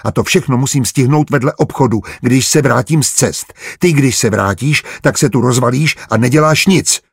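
A man voicing a sharp-tongued, stubborn young merchant wife in an audiobook, blunt and quick to argue. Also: medium pitch, animated, husky, no echo, clean studio sound. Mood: indignant. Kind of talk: audiobook character voice.

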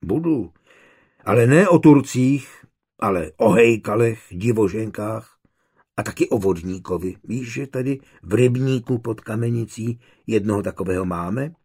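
A man voicing a kindly, playful grandfather in an audiobook, talking in a friendly, slightly husky voice. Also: on the low side, lively intonation, a little mellow.

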